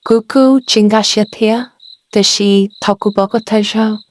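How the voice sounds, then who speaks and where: A woman's voice: mid-range voice, fairly even intonation, fairly quick, natural voice. A woman voicing a sad, frightened young village woman who speaks earnestly and pleadingly.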